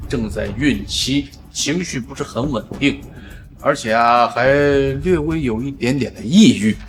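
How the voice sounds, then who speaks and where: Actor as rich controlling husband, smug, patronizing, mid-range voice. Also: male voice, medium pitch, a bit bright, natural voice. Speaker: husband, boss. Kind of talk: short drama acting.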